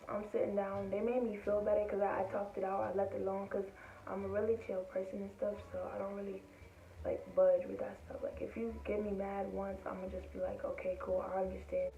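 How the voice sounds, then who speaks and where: A woman's voice: medium pitch, creaky, mellow, a little hiss or hum. A teenage girl telling a casual storytime about school, rambling with lots of "like" and acting out what people said. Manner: rambling, full of "like" fillers; acts out quoted people in her voice. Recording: tinny, roomy, distant from mic.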